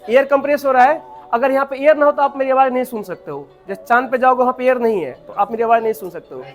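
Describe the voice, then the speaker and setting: A man teaching a physics class. He asks the students questions and answers them himself, and dictates notes slowly with many repetitions. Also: very high voice, soft background music.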